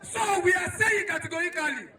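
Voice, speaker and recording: Nigerian man shouting a protest speech. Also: very high voice, fairly quick. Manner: declamatory, emphatic, repetitive rallying phrases. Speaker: protest speaker. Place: outdoor protest crowd. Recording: echoey crowd recording from far off.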